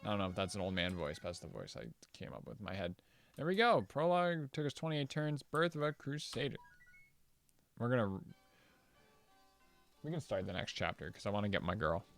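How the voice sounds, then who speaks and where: A man's voice: fairly low pitch, very animated, brisk, pauses often. Casual male streamer, chatty, rambling commentary, faint music behind. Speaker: game streamer.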